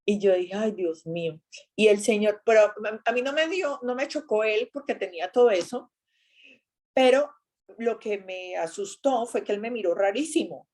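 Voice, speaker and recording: A woman gives a casual faith talk in a chatty, animated way. She tells a personal story with lively exclamations, and her voice sits at an ordinary, middle pitch for a woman. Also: moderate pace. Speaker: speaker giving a faith talk.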